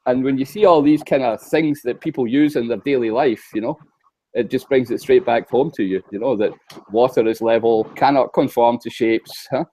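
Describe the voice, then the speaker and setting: A man from the west coast of Scotland, talking hesitantly on a video call with many pauses and restarts. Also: mid-range voice, dark tone. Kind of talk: casual discussion on a video call.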